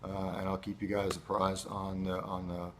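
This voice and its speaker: A man giving a casual first-person video update as a patient, speaking in a halting, measured, matter-of-fact way. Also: deep voice, completely flat delivery, a little hiss or hum. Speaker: patient recording a recovery update.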